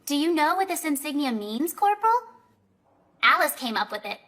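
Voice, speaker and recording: A woman's voice: high-pitched, very animated, normal speed, a bit bright. An actress playing a cheerful, chatty female sergeant major who explains things with enthusiasm. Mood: bubbly. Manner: bubbly, explanatory storytelling. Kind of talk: anime dub acting.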